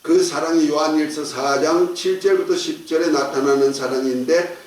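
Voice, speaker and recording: A man's voice: a little high, normal speed, darkish tone. A man preaching a sermon as a pastor, folksy and joking, leading the congregation in call and response. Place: church sanctuary. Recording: echoey church hall, distant mic.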